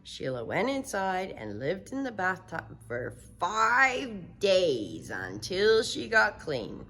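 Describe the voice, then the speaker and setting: Sweet old lady reading a storybook, unhurried. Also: medium pitch, huge pitch swings, a bit bright. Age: older. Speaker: storyteller reading a children's book aloud. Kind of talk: storybook read-aloud.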